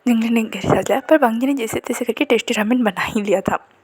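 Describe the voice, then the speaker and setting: A woman narrates a story casually, chatting along and often dropping into a hushed, whispery delivery. Her voice sits a little high with a husky, breathy grain. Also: quick pace.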